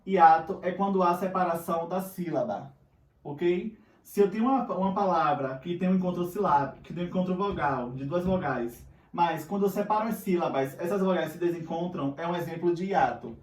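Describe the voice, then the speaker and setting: A man's voice: sits high, fairly quick, far from the mic. A man with a Brazilian Portuguese accent teaching a recorded grammar lesson, patient and often checking in with his students. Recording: echoey room, voice away from mic.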